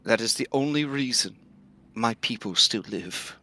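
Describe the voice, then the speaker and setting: A man voicing a mournful, fearful talking tree in a slow, drawn-out and solemn way. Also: medium pitch, sharp tone.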